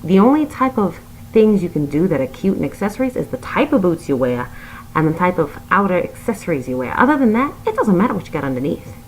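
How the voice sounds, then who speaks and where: A woman's voice: on the low side, sing-song, fast, a little hiss or hum, poor audio. Woman doing a sassy Brooklyn rant. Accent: put-on Brooklyn. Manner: ranting, sassy, lecturing the viewer. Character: brassy Brooklyn woman named Veronica, bossy and blunt. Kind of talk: comic rant to camera.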